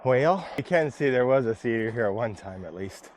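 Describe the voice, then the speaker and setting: A man's voice: medium pitch, lively intonation, moderate pace, a little mellow, slight background noise. A man walking outdoors through ancient ruins, musing skeptically and a little tired from hiking. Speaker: vlog host. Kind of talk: casual walking commentary.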